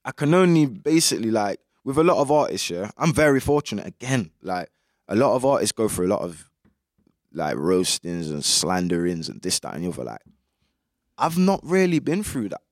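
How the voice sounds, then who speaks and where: A man's voice: fairly low pitch, sing-song, moderate pace, dry recording, studio quality. A young man with a British urban roadman accent, giving his opinions in casual interview chat full of street slang. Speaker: music artist being interviewed.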